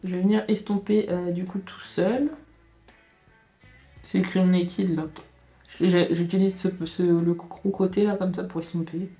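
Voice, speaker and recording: A young woman chatting casually through a makeup tutorial, thinking aloud with many hesitations and self-corrections, often dropping into quiet asides. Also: lowish voice, flat delivery, a little slow. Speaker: beauty vlogger. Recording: roomy echo with faint background music.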